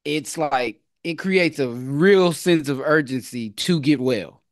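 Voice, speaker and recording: A man's voice: on the high side, slow pace, no echo, clean studio sound. Easygoing man co-hosting an educators' podcast. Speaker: educator, co-host. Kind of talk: casual podcast chat.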